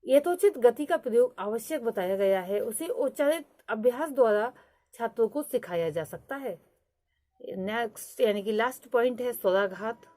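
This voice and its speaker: Woman teacher, fairly high voice, steady point-by-point lecture. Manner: explains point by point, mixing English terms.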